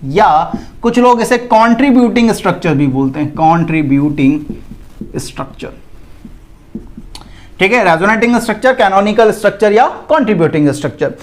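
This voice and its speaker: Guy with a high voice doing an online chem class, keeps asking then answering himself. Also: expressive, quick pace. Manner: repetitive, asks and answers own questions; calls listeners "bhai". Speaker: chemistry teacher. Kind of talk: online exam-prep lecture.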